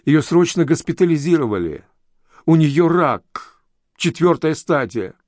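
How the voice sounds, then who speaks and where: Male narrator doing a young woman in despair: tearful pleas, high shrieks, much higher than his own voice. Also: expressive, measured pace, a little mellow, dry recording, studio quality. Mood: pleading. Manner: pleading, tearful, shrieking when angry. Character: desperate young woman, pleading then screaming.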